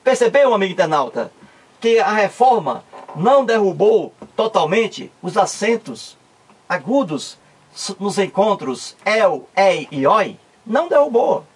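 A teacher from Ceará, Brazil, with a Cearense Brazilian Portuguese accent, explains a grammar lesson with lots of emphatic repetition. His voice is high and slightly rough, with big pitch swings and an unhurried pace.

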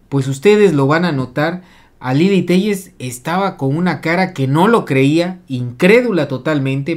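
A YouTube news commentator with a medium-pitched voice. The delivery is casual and rambling, full of hesitations and restarts, as the speaker sets up a clip for viewers. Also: darkish tone.

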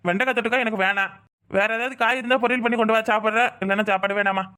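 A woman's voice: fairly high pitch, steady tone, rapid-fire, pushed and bright. A woman doing a stern scolding old grandfather. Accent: southern Tamil Nadu, Tirunelveli-Kanyakumari. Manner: scolding, threatening.

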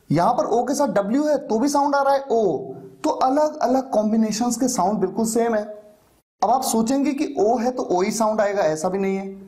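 A man's voice: sits high, a little mellow. A man teaching an English spelling lesson, who explains patiently, asks questions and answers them himself.

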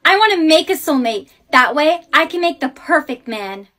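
A woman's voice: high voice, sing-song, moderate pace, bright, forceful tone. A young woman acting in comedy skits, with dramatic, anxious outbursts. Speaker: skit creator.

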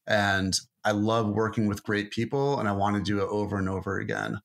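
Guy on a podcast, lowish voice, lots of "you know" and restarts. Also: little pitch movement, a little fast, fairly bright tone. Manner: rambling, many fillers and restarts. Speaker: marketing guest. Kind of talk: casual interview talk.

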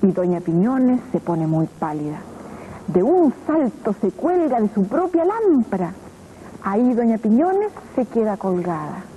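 A woman narrating a rhyming children's story in an expressive, sing-song way. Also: mid-range voice, measured pace, a little hiss or hum. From Chile. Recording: lo-fi old TV tape audio.

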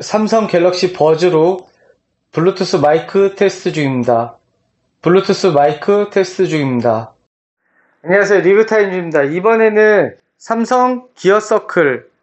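High-pitched man, dull lo-fi microphone. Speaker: product reviewer and host. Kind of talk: scripted-style product test presentation to camera. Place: plain small room indoors. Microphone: various Bluetooth earphone and neckband mics. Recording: dull lo-fi Bluetooth headset microphones.

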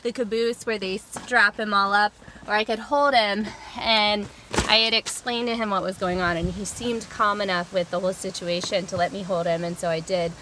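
A woman's voice: medium pitch, fairly even intonation, normal speed. A woman in her thirties chatting casually as a parent vlogger, with an encouraging, reassuring way of talking. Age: 30s. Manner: encouraging, reassuring with simple questions to child. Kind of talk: casual vlog chat and talk to a small child. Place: in and around a car, car park, clinic room. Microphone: camera at arm's length. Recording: noisy handheld recording with vehicle ambience.

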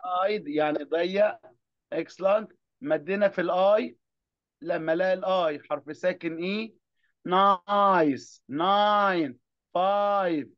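A man's voice: high voice, moderate pace, no echo. Man, Egyptian accent, patient classroom drilling, dry dull-sounding recording. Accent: Egyptian Arabic. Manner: patient, drills children word by word in Egyptian Arabic and English. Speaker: English teacher. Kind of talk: classroom phonics lesson.

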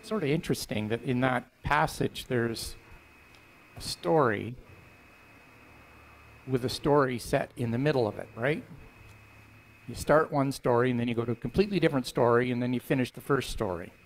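An older man reading scripture aloud and preaching in a church sanctuary on a headset mic, voicing quoted lines with lifted pitch. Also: normal speed, pauses often, rough recording. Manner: expressive reading, voices quoted lines higher; stands at the front holding a book, conversational preaching. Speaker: minister.

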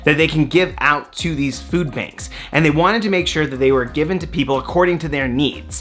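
A man's voice: fairly high pitch, a bit bright. A man in his thirties hosting a casual educational explainer, talking step by step in a conversational way from a small home office. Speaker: economics explainer host.

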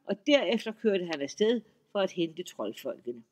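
A man reading a folk tale aloud in a lively, expressive storytelling manner. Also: high voice.

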